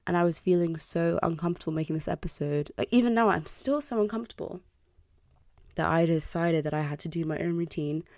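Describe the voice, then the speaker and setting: Female podcast host, early 20s. Mellow and deep, self-deprecating and candid, recorded close and dry. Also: brisk, no room sound. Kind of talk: confessional solo podcast talk. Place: bedroom. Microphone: close podcast microphone.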